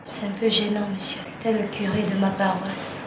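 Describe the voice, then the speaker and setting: An actress playing a young female student in a TV drama, with a flat, robotic delivery, recorded in an echoey room. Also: medium pitch, moderate pace, natural voice. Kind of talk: TV drama acting. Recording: echoey room with faint noise.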